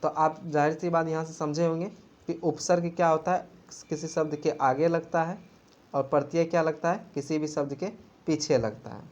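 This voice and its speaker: A man's voice: a little high, fairly even intonation, normal speed, darkish tone. A man teaching an exam-prep grammar lesson, asking a question and answering it himself. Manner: repetitive question-and-answer drilling.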